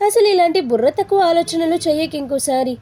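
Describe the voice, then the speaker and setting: A bossy young man with a quick temper, voiced by a woman storyteller. He scolds in a stern, firm way. The voice sits high yet sounds soft and mellow. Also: animated.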